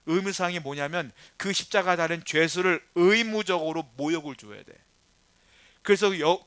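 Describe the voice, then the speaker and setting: A pastor delivers his sermon in a bright, forceful voice that sits a little high for a man. He preaches conversationally, pushing up on the words he stresses. The sound is dry and close, with little room echo. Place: church.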